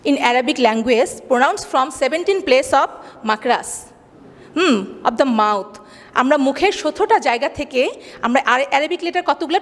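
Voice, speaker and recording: A woman teacher giving a lesson, explaining slowly in English, then repeating faster in Bengali and asking questions she answers herself. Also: high voice. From Bangladesh. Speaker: school teacher. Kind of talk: classroom lesson. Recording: long hall reverb.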